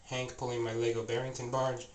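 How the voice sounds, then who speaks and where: A toy train vlogger gives a casual show-and-tell tour of his indoor home train room, rambling with many fillers, restarts and self-corrections. His stuffy, scratchy voice is mid-range and monotone, a little fast, captured close up by a handheld camera mic.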